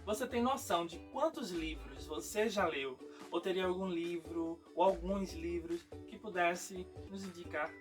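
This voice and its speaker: A woman's voice: lowish voice, measured pace, few pauses, distant mic, over music. A woman presenting an interview show for children as its host, putting questions to a guest.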